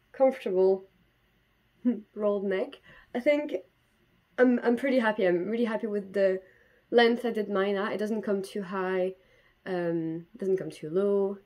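This knitting podcast host, a Belgian woman in her twenties, speaks in a mid-range voice with a dark tone. Filming at home in her bedroom with the camera at desk distance in front of her, she chats casually, with frequent fillers and restarts.

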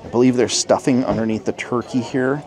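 A man's voice: mid-range voice, fairly even intonation, brisk, crowd noise. Chatty male vlogger in a busy diner. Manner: upbeat, chatty, tells the viewers what he sees. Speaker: travel and food vlogger. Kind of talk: casual vlog narration. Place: outside a restaurant at night, then inside a diner. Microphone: handheld phone camera at arm's length.

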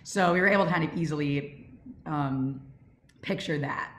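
This young adult woman has a deep, slightly bright voice and speaks at a moderate pace. She's hosting a relaxed question-and-answer session for her student audio drama club over a video call from home, and her microphone captures an echoey room.

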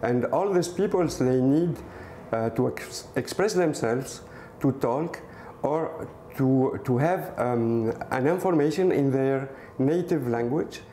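A man's voice: mid-range voice, slow, mellow, a little hiss or hum. A man in his forties with a Tunisian accent, answering in an interview as a startup co-founder.

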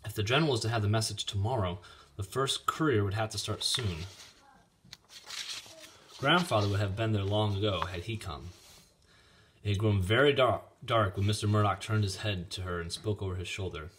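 A man reading a children's chapter book aloud in an expressive, lively manner. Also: fairly low pitch, normal speed. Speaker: reader. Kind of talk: storybook read-aloud.

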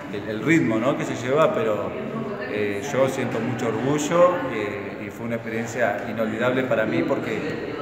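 A young man in his thirties with an Argentine Spanish accent, answering interview questions as a local council president in measured sentences with many pauses. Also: medium pitch. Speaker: council president acting as mayor. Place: large echoey council chamber, indoors. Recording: echoey hall with crowd chatter.

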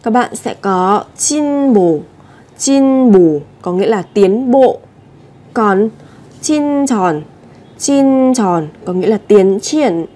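A woman's voice: medium pitch, lively intonation, takes it slowly, warm tone. A woman teaching Korean vocabulary, patiently repeating each word and speaking straight to her viewers. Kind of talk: vocabulary lesson explanation.

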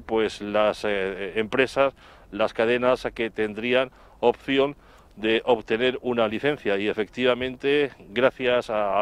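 Live from outdoors in front of an office building, a middle-aged man with an accent from Spain reports for television, recalling events in a wordy, faltering way with repeated words. His voice is smooth and medium-pitched, captured by a handheld microphone through his face mask.

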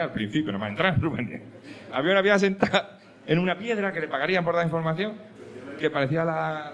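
A man performing a stand-up comedy monologue, telling a story, dropping to hushed asides and rising to loud punchlines. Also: on the high side. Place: comedy club stage with audience. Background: audience laughter.

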